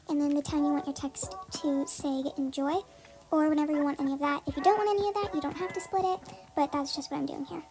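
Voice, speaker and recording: Very high voice through a voice changer. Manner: chatty, many "like" and "um" fillers. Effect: voice changer disguising the voice, pitched very high. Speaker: tutorial channel host. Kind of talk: casual step-by-step tutorial.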